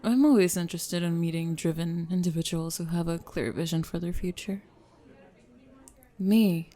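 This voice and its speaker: A driven, formal businesswoman, acted by a woman in an ASMR speed-dating role-play. Her voice sits a little low for a woman. She is brisk and to the point, quizzing her date like a job candidate. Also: warm tone, close to an everyday voice. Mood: brisk, self-assured.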